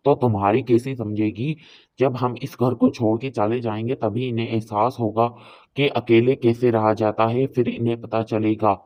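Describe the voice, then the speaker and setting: A man voicing a calm, firm young husband in a cartoon story, speaking in a measured way. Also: mid-range voice, natural voice. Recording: dull lo-fi audio.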